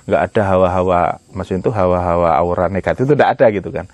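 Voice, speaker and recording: A man's voice: low-pitched, rapid-fire, darkish tone, no room sound. Dry-voiced man telling a story casually. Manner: rambling, repeats phrases, conversational asides. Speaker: storyteller recounting healing experiences.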